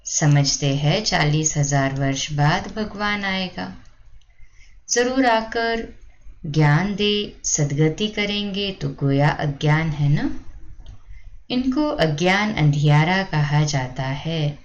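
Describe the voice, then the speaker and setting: A woman giving a slow, measured reading of a spiritual discourse in a steady reciting tone. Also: deep voice, muffled recording. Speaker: spiritual reader.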